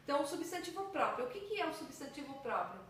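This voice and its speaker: A woman's voice: sits high, very animated, fast, fairly bright tone, a little hiss or hum. A woman with a Brazilian Portuguese accent teaching a recorded grammar lesson to children, explaining patiently and checking in with her students often. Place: room at home with traffic outside. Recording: very echoey room, far from the mic.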